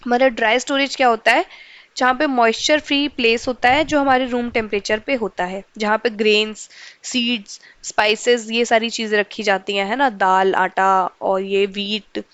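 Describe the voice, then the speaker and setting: High, smooth-voiced woman teaching science. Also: steady tone, moderate pace, a bit bright, dry recording, highs cut off. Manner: asks questions and answers them herself, often checks with "ok?"; mixes in English terms and phrases. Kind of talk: explaining a school science chapter.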